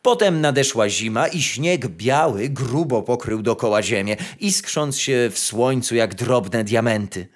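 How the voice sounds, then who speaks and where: A man reading a fairy tale aloud with expressive, sing-song storytelling. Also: medium pitch, measured pace, hardly any pauses. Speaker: narrator.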